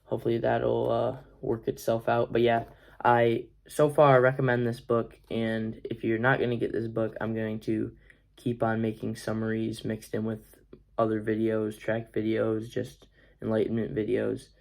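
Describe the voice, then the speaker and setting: Congested young man with gravelly voice. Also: on the low side, monotone, moderate pace, darkish tone. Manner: rambling, filler-heavy, earnest. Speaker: vlogger, athlete. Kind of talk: casual book summary vlog.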